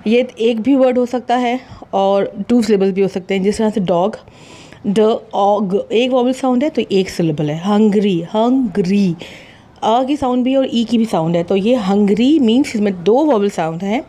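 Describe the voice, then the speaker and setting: A woman teaching an English lesson, mixing Hindi and English and drawing out each example word slowly. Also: mid-range voice, warm tone. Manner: slow, drawn-out pronunciation of example words.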